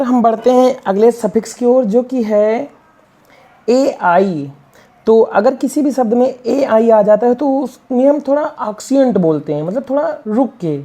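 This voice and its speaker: A woman with a high, mellow voice leads a classroom-style English reading lesson. She spells words letter by letter and raises questions only to answer them herself.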